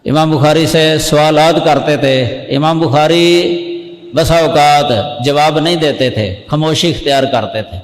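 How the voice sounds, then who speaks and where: A man with a fairly high voice teaches a religious lesson in a patient, explanatory way. He slows down and repeats key words so that they sink in. His voice rings through a roomy hall with a long echo tail. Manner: explanatory, repeats key terms slowly for emphasis. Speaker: Islamic scholar teaching hadith. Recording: echoey hall with long reverb.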